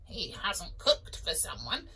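A woman's voice: fairly low pitch, wildly swooping pitch, slow, sharp tone, slightly rough, heavily acted. A woman voicing a chatty female magic chicken that cackles and squawks.

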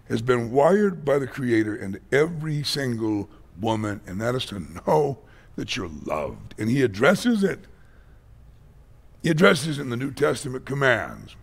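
A man's voice: mid-range voice, vocal fry, a bit bright, husky. A male pastor preaching a blunt, dramatic, emphatic sermon at a conference. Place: conference hall.

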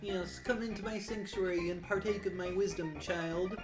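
A woman plays an old frog sage in a video game, a patient wise mentor. The delivery is measured and formal, often turning statements into gentle questions. Plucked-string music plays clearly behind the voice. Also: lowish voice, fairly even intonation, lightly acted. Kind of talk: dramatised video game dialogue reading.

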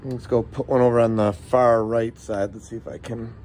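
In a medium-pitched, darkish voice with little pitch movement, the middle-aged US airgun shop owner talks at normal speed. He rambles folksily through his casual product demo, explaining how the shots turned out.

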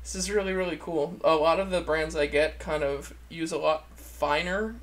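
A campy drag queen, a man with a fairly high voice full of vocal fry. He chats casually through a product review and gushes as he goes. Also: fairly even intonation, normal speed, a bit bright. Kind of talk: casual chatty video review. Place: indoor room, seated at a desk.

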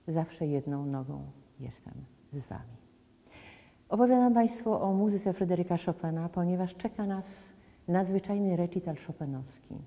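An older woman with a low, deep and very mellow voice presents a concert in slow, measured, emphatic phrases. Her speech carries a long reverb from the room around her. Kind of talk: measured spoken invitation to a concert. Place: indoors, room with framed portraits on the wall. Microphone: camera in front, head and shoulders framing.

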